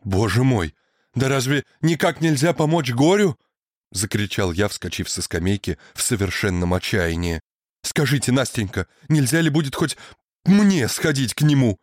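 A man plays a shy, earnest young dreamer who pleads and reassures with growing eagerness. His voice sits fairly low, and the sound is close and dry. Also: normal speed, no echo, close to an everyday voice. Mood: eager, pleading. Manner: eager, pleading, rising in excitement. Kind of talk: literary radio reading.

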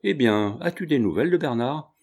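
A man's voice: mid-range voice, animated, a little fast, a little mellow. A man reading an audiobook, voicing a fretful, talkative old peasant mother who laments and exclaims. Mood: chatty.

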